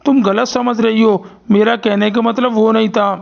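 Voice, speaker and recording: A stammering henpecked teacher, high and gravelly. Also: male voice, flat delivery, normal speed, highs cut off. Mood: flustered pleading. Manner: stammering, pleading. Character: nervous henpecked male schoolteacher.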